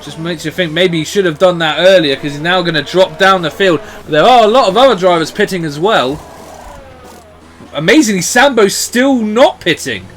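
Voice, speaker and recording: Excitable guy doing motorsport commentary, pretty high voice, bit of car noise in the background. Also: normal speed. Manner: excitable, exclamatory. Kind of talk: live racing commentary.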